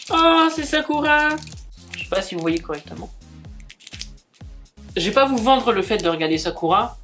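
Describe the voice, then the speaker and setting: A man's voice: on the high side, bright, forceful tone. A man chatting casually as he unboxes gifts, gushing and exclaiming as he goes. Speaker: book and manga YouTuber.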